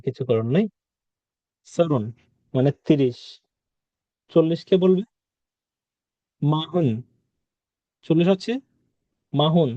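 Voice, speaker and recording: A man with a fairly high but mellow voice teaches a vocabulary lesson. He talks patiently, repeating words and asking the listener questions. The sound is dry and a little dull, as on a lo-fi recording. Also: no room sound. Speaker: Korean language teacher.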